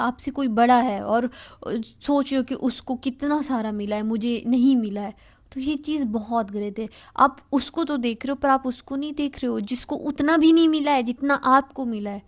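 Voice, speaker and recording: A woman giving earnest motivational advice straight to the listener, repeating phrases for emphasis and mixing in English words. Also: fairly high pitch. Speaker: motivational speaker. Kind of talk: motivational talk to camera.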